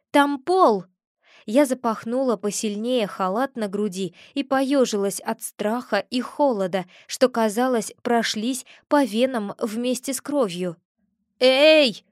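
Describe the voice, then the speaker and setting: A woman narrating a first-person audiobook with an expressive reading. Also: on the high side, no room sound, clean studio sound.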